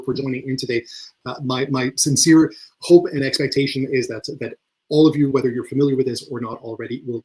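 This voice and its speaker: A man's voice: medium pitch, slightly rough, rough recording. Earnest man, stumbling restarts. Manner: earnest, repeats words often when starting phrases. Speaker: leadership coach and speaker. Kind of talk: webinar talk. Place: video call.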